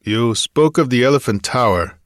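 A man's voice: mid-range voice, normal speed, no echo, studio quality, pitched above the performer's own voice, natural voice. A man voicing a tall young outland barbarian who speaks plainly and directly. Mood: curious.

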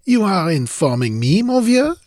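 A man's voice: high-pitched, sing-song, moderate pace, darkish tone, no echo, clean studio sound, voice pushed up. A man voicing a confident, formal little French physician with a French accent in an audiobook. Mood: assured. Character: small, brisk French occult doctor.

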